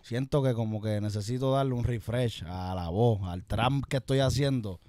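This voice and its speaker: A man's voice: medium pitch, moderate pace, warm tone, dry recording. A young man with a Puerto Rican accent, a guest who rambles and swears a lot in casual chat. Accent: Puerto Rican Spanish. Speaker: guest rapper.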